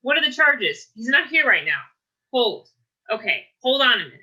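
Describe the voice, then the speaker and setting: A woman reading aloud, voicing a chirpy, lively young woman at an office desk. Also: on the high side, normal speed, exaggerated voice, low-quality recording. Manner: chirpy, flustered.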